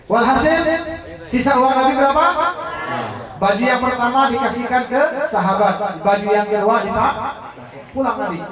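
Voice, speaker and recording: A man preaching to a study gathering, telling a story with jokes and questions for the audience. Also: high voice. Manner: animated, jokes with the audience, asks them questions. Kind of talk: sermon storytelling. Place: religious study gathering hall. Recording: echoey, distant, dull hall recording.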